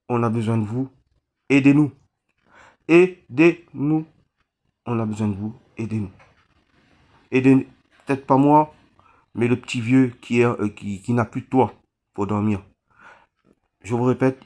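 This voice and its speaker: A man from Réunion talks to his online audience in a halting, pleading way. He stops and restarts often and keeps returning to his request for help. His voice sits in an ordinary middle register. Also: mid-range voice, a little mellow. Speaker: vlogger appealing for donations. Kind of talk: emotional appeal to camera.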